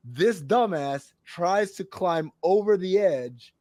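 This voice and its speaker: Lively profane man telling a story. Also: high-pitched, takes it slowly, no echo, studio quality. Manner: loose storytelling, laughs often, profane. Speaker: podcast co-host. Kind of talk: casual chat.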